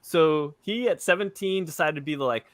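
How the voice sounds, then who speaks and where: Fairly high-voiced male guest, dry sound. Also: normal speed, fairly bright tone, dry recording. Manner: laughing, loose storytelling with many fillers. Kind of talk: casual chat.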